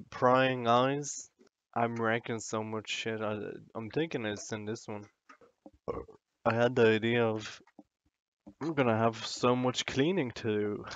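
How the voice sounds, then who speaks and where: A man's voice: mid-range voice, clean tone, muffled recording. A drunk man in a casual, sweary, meandering and self-deprecating ramble to the camera, as a vlogger does.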